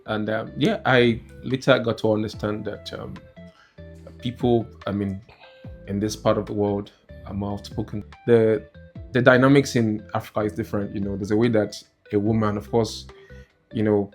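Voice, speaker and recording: A young man raised in Nigeria talks casually with his wife about married life, pausing often with "you know". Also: on the low side, little pitch movement. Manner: hesitant, many "you know" fillers. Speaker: co-host, husband. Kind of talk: casual couple chat. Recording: soft guitar music behind.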